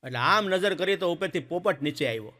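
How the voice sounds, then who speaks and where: A man's voice: sits high, fairly quick. A man telling folk jokes on stage, acting out villagers and animals. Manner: lively joke-telling, acts out villagers and animals. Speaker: stand-up comedian. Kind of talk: folk comedy storytelling. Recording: long hall reverb.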